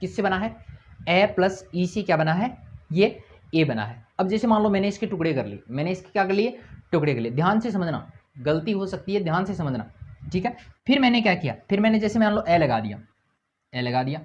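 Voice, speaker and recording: A male teacher giving a grammar lesson for exam students, asking questions and answering them himself, repeating key points and spelling out sounds slowly. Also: sits high, expressive. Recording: dull lo-fi recording.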